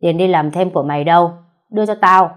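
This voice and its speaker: A woman voicing a desperate middle-aged mother who begs and sobs, in a high, tearful voice, reading a story aloud. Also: fast, lightly acted. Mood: cold demanding. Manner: pleading, tearful, high-pitched. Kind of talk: audiobook storytelling.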